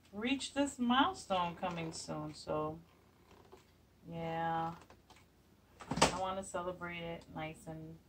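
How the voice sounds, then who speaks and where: A craft channel host in her forties talks casually and cheerfully through a DIY tutorial in her home kitchen, using plenty of fillers. She has a creaky, mid-range voice. Because the phone camera is a few feet away, she sounds far from the mic, with a little hiss or hum.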